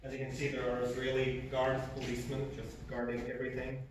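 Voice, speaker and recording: A man's voice: medium pitch, completely flat delivery, fairly quick, background noise. A man, giving an earnest personal testimony with emphatic repetitions. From Egypt. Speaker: speaker. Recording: echoey hall from far off.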